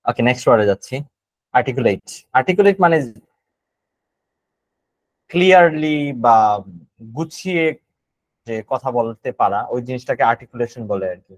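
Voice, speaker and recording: A man's voice: mid-range voice, expressive, moderate pace, pauses often, no room sound, poor audio. A Bangladeshi man teaching an online GRE vocabulary class, explaining word meanings casually and thinking aloud. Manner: casual and thinking aloud, mixing English words into Bengali explanations.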